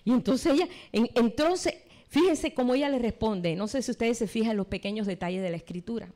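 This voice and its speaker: A woman's voice: fairly high pitch, fairly quick, dark tone. A woman preacher giving a sermon, retelling a scripture story and addressing the congregation directly.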